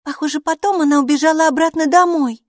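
A woman voicing an excited six-year-old girl. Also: sits high, quick pace, no echo, studio quality, voice pushed up, natural voice. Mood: eager. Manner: eager, excited, full of questions. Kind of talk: audiobook character voice.

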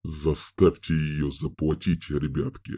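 A cruel bandit leader snarls his threats in a very deep, low growl, as a male audiobook reader puts him on. His voice sits far beneath normal speech and stays slow and menacing. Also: little pitch movement, mellow, exaggerated voice. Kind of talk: audiobook character voice.

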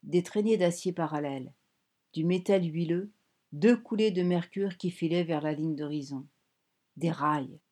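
A woman reading a novel aloud in measured, vivid scripted narration. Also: lowish voice, dark tone. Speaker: audiobook narrator.

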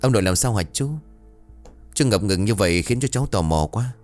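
A man's voice: on the low side, animated, a little fast, darkish tone, soft background music, lightly acted. A man voicing a curious young adult nephew who asks questions in an earnest, pleading way.

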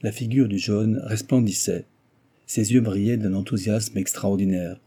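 A man's voice: fairly low pitch, fairly even intonation, normal speed, dark tone, breathy edge. A man narrating a novel aloud in a dramatic storytelling delivery. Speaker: audiobook narrator.

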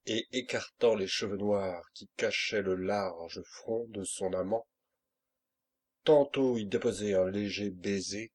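A man narrating a classic adventure novel as an audiobook in a measured, expressive reading. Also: fairly low pitch, husky. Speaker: audiobook reader.

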